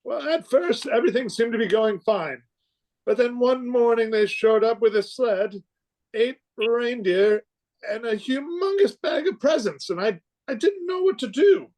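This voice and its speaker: A man's voice: extremely high pitch, expressive, a little slow, darkish tone, full character voice, poor audio. A man playing an earnest, flustered, kindly Scarecrow in an amateur radio play, with a hesitant, stammering delivery.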